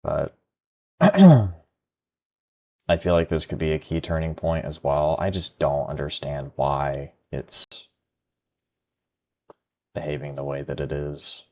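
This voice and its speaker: A man's voice: rumbling low, slow, long pauses, mellow. A tired man talking to himself while trading live, frustrated and muttering. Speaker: day trader.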